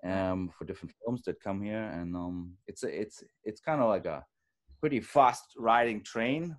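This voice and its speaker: Speaking over a video call, a native German actor in his thirties, a guest on the interview, answers thoughtfully but haltingly, using many fillers. His voice sits on the low side.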